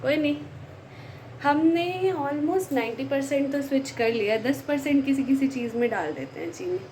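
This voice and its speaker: A young woman chatting casually to her viewers as she cooks at home, sometimes lowering her voice to keep the house quiet. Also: normal speed, slight background noise. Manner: chatty, talks to viewers directly; speaks softly at times to keep the house quiet. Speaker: vlogger. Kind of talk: casual home vlog narration.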